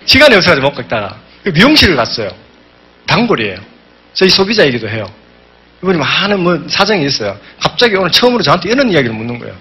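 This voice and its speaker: A man's voice: on the high side, fast, breathy edge. A man giving an emphatic motivational seminar speech, telling stories and acting out quotes. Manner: emphatic, animated storytelling with acted-out quotes. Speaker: business seminar speaker.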